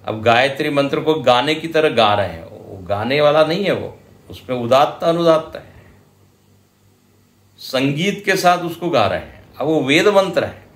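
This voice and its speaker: A man with an Indian accent giving a scripture lecture, explaining slowly and deliberately and chanting example verses now and then. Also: medium pitch, animated. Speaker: spiritual teacher. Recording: roomy hall echo.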